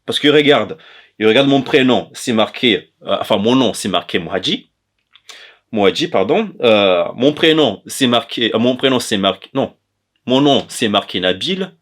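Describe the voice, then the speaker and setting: This Comorian man, host of an educational language chronicle, speaks at a medium pitch, expressive and a little slow. His talk is informal and explanatory, full of hesitations and self-corrections.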